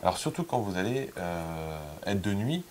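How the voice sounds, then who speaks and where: Deep-voiced man explaining camera care. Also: moderate pace, slight background noise. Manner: relaxed, chatty explaining with frequent hesitations. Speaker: photography teacher. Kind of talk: casual hands-on demonstration.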